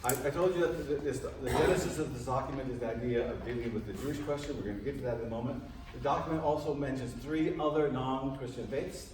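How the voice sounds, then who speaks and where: Priest lecturing in an echoey hall. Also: male voice, mid-range voice, fast talker, a little mellow. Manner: conversational, quizzes the audience. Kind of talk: informal lecture to a parish group. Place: large room with a live audience. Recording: echoey room from a distant mic, faint hiss.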